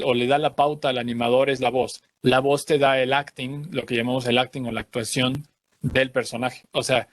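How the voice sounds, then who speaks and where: A man's voice: medium pitch, no room sound. A young adult man giving a conference talk about creating cartoons, explaining carefully and searching for his words.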